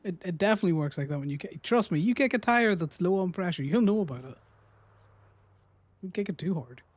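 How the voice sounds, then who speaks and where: An Irish man joking and teasing his friends during a relaxed gaming session. His voice sits at an ordinary middle pitch and sounds close and dry, with little room around it. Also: fairly quick, no room sound. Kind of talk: casual gaming chat.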